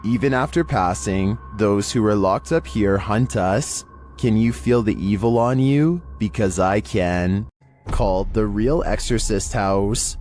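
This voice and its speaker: Low-voiced male narrator of spooky stories. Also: darkish tone. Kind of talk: scripted paranormal countdown narration.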